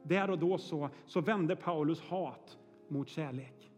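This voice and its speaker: A man's voice: fairly high pitch, a little mellow, big-room sound, soft background music. A man preaching a sermon in a church, telling stories in a chatty way with frequent fillers and check-ins with the congregation. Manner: chatty storytelling with frequent "eh" and "är ni med?". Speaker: pastor. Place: church hall.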